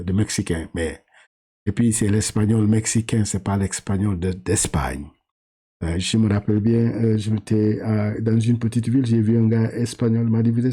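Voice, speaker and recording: A middle-aged man whose first language is not French, teaching Quran reading in a chatty, informal way, laughing often and drawing out syllables in slow drills. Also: on the low side, dark tone, breathy edge.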